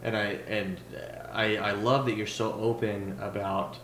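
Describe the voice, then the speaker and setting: A man hosting a casual podcast interview, restarting his sentences often and quick to agree. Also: fairly low pitch, little pitch movement, fairly bright tone. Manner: stammering restarts, quick affirmations. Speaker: podcast host. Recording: roomy, with clear noise.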